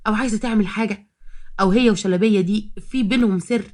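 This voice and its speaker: A woman's voice: medium pitch, fast, a little mellow, close to an everyday voice. Woman voicing a scheming Egyptian young wife. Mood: prying. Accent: Egyptian Arabic. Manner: defiant, sarcastic.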